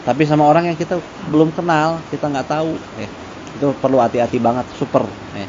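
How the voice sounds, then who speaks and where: A man's voice: on the high side, fast talker. Man giving a casual religious lesson. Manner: relaxed and conversational, mixing in Arabic recitation. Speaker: religious teacher. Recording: dull lo-fi with faint noise.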